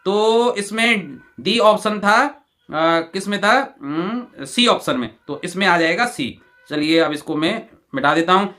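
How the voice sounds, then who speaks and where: Male teacher from Rajasthan, high voice, step-by-step answer walkthrough, slow word drills. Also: expressive, sharp tone. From Rajasthan, India. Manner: explains step by step, repeats "dekhiye", drills pronunciation slowly.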